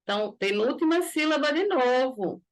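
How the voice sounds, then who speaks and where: Brazilian woman, bright higher register, grammar teacher walking students through exam questions, keeps asking whether they follow. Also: lively intonation, moderate pace. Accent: Brazilian Portuguese. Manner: explains step by step with frequent tag questions. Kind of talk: exam-prep grammar lesson.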